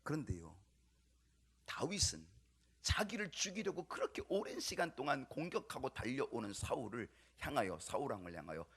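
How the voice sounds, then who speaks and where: A male pastor preaching a sermon, emphatic, with repeated rhetorical questions to the congregation and sometimes dropping to a hushed whisper. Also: mid-range voice, sing-song, normal speed, breathy edge. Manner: drops to a hushed whisper at times.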